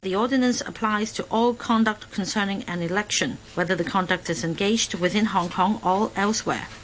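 A woman heard as a live interpreter voice speaking for an official, in formal, measured and carefully phrased interpretation. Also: mid-range voice, slight background noise, poor audio.

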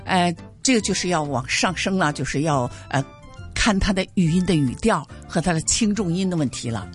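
A woman, a Mandarin teacher, explaining pronunciation with lively examples on a radio lesson. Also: on the low side, normal speed, faint music behind. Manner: animated, laughing, explains with examples.

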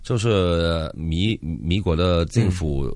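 Halting low-voiced man with Cantonese-accented Mandarin. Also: lively intonation, darkish tone, dry recording, studio quality. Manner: halting, repeats words. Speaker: actor, interview guest. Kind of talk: casual interview answers.

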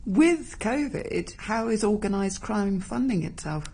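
A woman's voice: medium pitch, expressive, a little slow, gravelly, dark tone, breathy edge. A woman hosting a long-running programme, asking friendly, probing interview questions. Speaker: radio programme host. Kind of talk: conversational interview.

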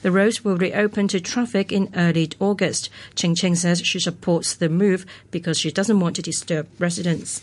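A woman's voice: on the low side, steady tone, moderate pace, few pauses, a little mellow. A woman presenting the news on radio, reading from a script.

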